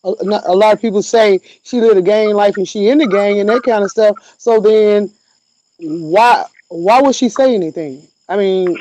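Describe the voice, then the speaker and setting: A man's voice: high voice, normal speed, a little mellow, low-quality recording. A man hosting a casual call-in chat, talking animatedly and often repeating himself.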